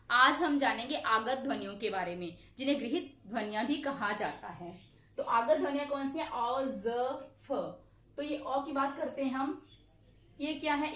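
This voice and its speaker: A woman teaching a grammar lesson, asking questions and answering them herself and repeating examples slowly. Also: high voice, fairly bright tone. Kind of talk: classroom-style lesson. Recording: echoey room.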